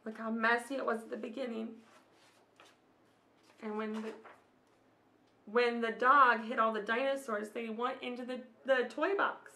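Reading a picture book to children from a small, slightly echoey room at home, a woman in her thirties tells the story expressively with questions and asides. Her fairly high voice is steady, bright, and forceful, unhurried and often pausing.

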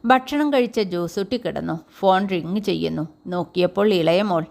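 A woman reading a collection of short stories aloud in a calm, measured, clear storybook narration. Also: fairly low pitch. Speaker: story reader.

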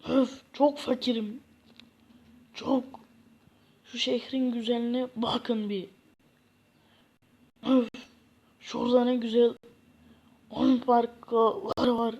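A gloomy poor man who sighs and moans about his lot, voiced by a woman, talking slowly in a husky, fairly high voice. He drags his words out in a whiny drone. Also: little pitch movement, darkish tone, highs cut off. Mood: gloomy complaining.

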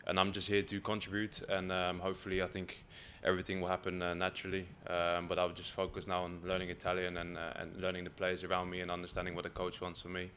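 A man in his twenties giving measured, hesitant answers as a footballer at a press conference, on a table microphone. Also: low-pitched, completely flat delivery, a bit bright. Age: 20s. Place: press room, indoors. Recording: faint room noise.

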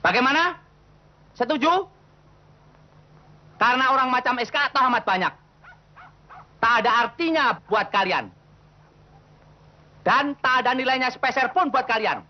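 Cowboy outlaw boss: very high voice, grandiose and menacing, old comedy Western with dull sound. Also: male voice, lively intonation, moderate pace, long pauses. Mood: threatening, bargaining. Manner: declamatory, grandiose. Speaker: actor playing a Western villain. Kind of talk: 1970s comedy Western film acting.

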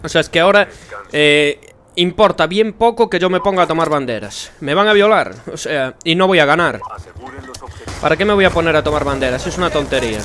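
A young man with a Spain Spanish accent comments on his game as he plays, in a fairly high voice. He is frustrated and sarcastic and swears freely, with loud gunfire and game sounds clearly heard behind him. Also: animated, fairly quick, a little hiss or hum. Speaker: gaming channel host. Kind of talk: live gameplay commentary.

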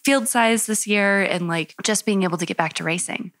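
A woman's voice: mid-range voice, moderate pace, fairly bright tone, no echo, studio quality. A woman who coaches runners, speaking as a guest in an upbeat, enthusiastic casual chat. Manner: upbeat, enthusiastic, says "like" often.

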